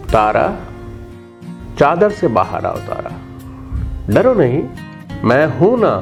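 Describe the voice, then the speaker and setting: A man voicing a gentle, patient father who soothes and kindly explains things to his child. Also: fairly high pitch, wildly swooping pitch, slow, gravelly, soft background music, exaggerated voice. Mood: reassuring.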